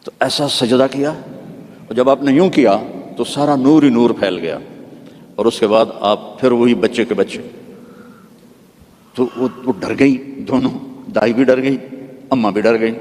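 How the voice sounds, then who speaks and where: A preacher from Pakistan, telling a religious story vividly in a sermon. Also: male voice, medium pitch, pauses often, darkish tone. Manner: vivid storytelling with demonstrative asides. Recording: long hall reverb.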